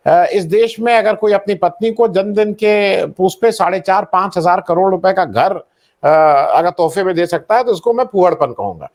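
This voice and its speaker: A man, an author and panel guest, speaking in a measured, critical way with frequent hesitations. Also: sits high, a little mellow. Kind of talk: panel discussion.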